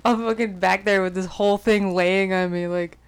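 A woman's voice: medium pitch, fairly even intonation, normal speed, clean tone. A young woman co-hosting a podcast, telling rambling, profane stories in casual chat and laughing often. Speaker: podcast co-host.

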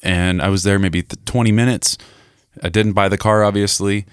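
Low-voiced, smooth man chatting. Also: fairly even intonation, normal speed, no room sound, clean studio sound. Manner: storytelling, chatty with many fillers. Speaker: podcast host. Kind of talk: casual chat.

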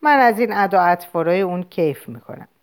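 A woman reading a novel aloud in first person, in an expressive, conversational storytelling manner. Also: on the low side, clean tone. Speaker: audiobook reader. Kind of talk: audiobook narration in first person.

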